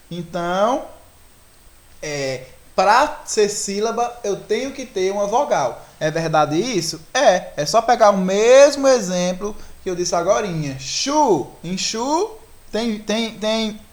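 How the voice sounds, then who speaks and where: Explaining grammar step by step, this medium-pitched teacher with a Brazilian Portuguese accent keeps checking whether the class follows along.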